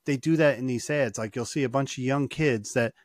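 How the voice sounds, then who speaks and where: Animated male podcast co-host. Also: medium pitch, a little fast, no echo. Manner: animated storytelling, swearing. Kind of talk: casual chat.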